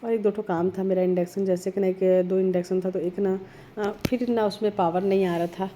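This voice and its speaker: A middle-aged woman with a cold, talking earnestly in a casual vlog, her voice heavy and hoarse. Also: steady tone, normal speed, mellow, a little hiss or hum. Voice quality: heavy, low-sounding voice. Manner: earnest, reflective, rambling. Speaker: vlogger.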